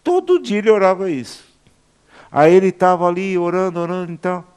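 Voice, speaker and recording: A man preaching a Bible class, telling personal stories with emotion, swinging between quiet and exclaiming. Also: sits high, expressive, fairly quick, clean tone. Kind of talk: sermon teaching with personal stories.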